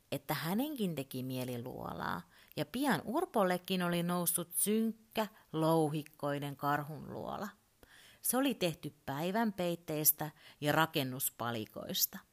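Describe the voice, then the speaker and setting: A woman gently reading a children's story aloud. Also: sits low, animated.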